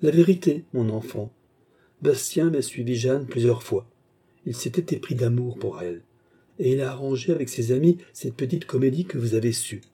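A man's voice: medium pitch, expressive, moderate pace, warm tone, husky. A man voicing a scheming baronet villain who poses as a kind benefactor, talking in an earnest, persuasive way in a French audiobook novel.

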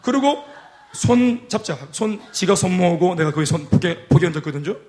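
High-voiced pastor telling a funny story. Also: male voice, normal speed, a little hiss or hum. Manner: lively, humorous, acts out quotes. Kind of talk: sermon storytelling. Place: church.

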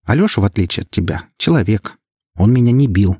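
Man voicing sharp sarcastic heroine, pitched up, husky, dry. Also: lively intonation, a little fast, no room sound. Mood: mocking. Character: defiant, sarcastic young widow.

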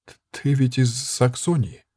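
A man voicing a calm young monk who speaks quietly and gently, with a slight stammer. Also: medium pitch, measured pace, no room sound, clean studio sound, lightly acted. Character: calm young monk Tomas, soft-spoken.

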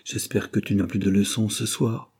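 A man voicing a gentle young mother and wife in an audiobook, soft and solicitous. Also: lowish voice, fairly even intonation, normal speed, vocal fry, husky. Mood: concerned.

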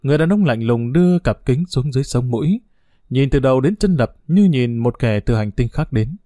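A man narrating a story in a steady storytelling manner. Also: mid-range voice, brisk, no room sound, studio quality.

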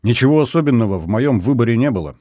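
A man reading an audiobook, voicing a composed young female counterintelligence officer who speaks in a measured, earnest way. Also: mid-range voice, expressive, dark tone, no echo, studio quality, close to an everyday voice. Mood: reflective.

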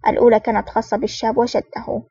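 A woman's voice: fairly high pitch, little pitch movement, rapid-fire, mellow, husky, dry recording. A woman reading the lines of an eager, polite young female agent in an earnest, respectful manner. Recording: dull, distant, dry recording.

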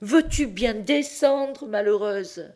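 A woman voicing a kindly old pope who cries out in alarm, shrill and exclaiming. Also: animated, slow, dark tone. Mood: panicked.

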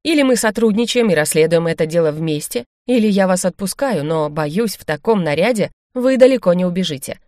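A woman's voice: on the low side, expressive, brisk, few pauses, darkish tone, dry recording, studio quality, close to an everyday voice. A woman reading the lines of a stern, scheming male baron in an audiobook, firm and commanding.

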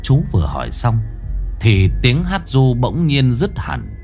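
A man narrating a ghost story in a suspenseful, expressive way. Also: medium pitch, unhurried, creaky, soft background music.

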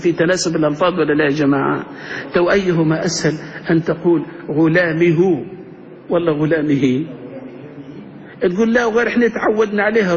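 A sheikh with a high voice teaches Arabic grammar in a classroom lecture, engaging the class by frequently asking students questions. The lo-fi classroom recording is muffled, with slight background noise.

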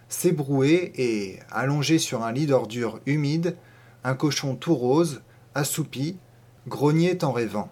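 A man narrating a classic short story in a measured, clear literary reading. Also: mid-range voice, a little mellow. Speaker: reader.

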